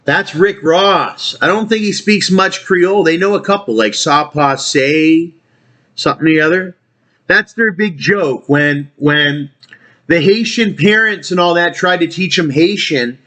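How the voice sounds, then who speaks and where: A man's voice: a little high, measured pace, fairly bright tone. A man talking in a rambling casual monologue, trailing off and restarting, swearing casually. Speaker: vlogger.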